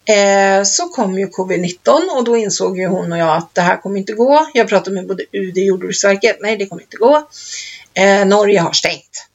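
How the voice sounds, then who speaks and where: Chatty laughing woman, lo-fi sound. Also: mid-range voice. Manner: chatty, laughs often, rambling storyteller. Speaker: podcast co-host. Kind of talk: casual chat. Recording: dull lo-fi recording.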